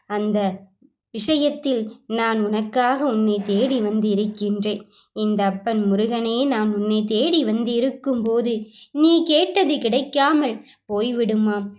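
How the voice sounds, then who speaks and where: A loving divine father, Murugan in a devotional message, tender and reassuring, spoken by a woman. The voice sits a little high. The delivery is emphatic yet gentle, full of comfort. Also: close to an everyday voice. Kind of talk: devotional first-person message.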